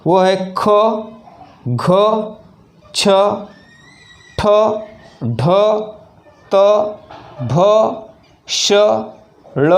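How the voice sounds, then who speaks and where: Slow-speaking man teaching English. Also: sits high, darkish tone. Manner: slow, deliberate explaining, spelling out example sentences. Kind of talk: spoken English lesson.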